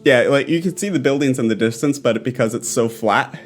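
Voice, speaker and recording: A man's voice: medium pitch, a little fast, soft background music. A man narrating as game master of a tabletop game, in a loose, chatty way with fillers.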